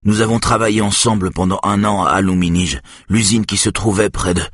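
A man reading aloud, voicing a shaken, guilt-ridden male patient who talks haltingly. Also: lowish voice, steady tone, no room sound, clean studio sound, natural voice. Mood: dazed.

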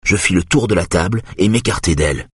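A man narrating a tense first-person story in a measured way. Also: low voice, lively intonation, husky, dry recording, studio quality.

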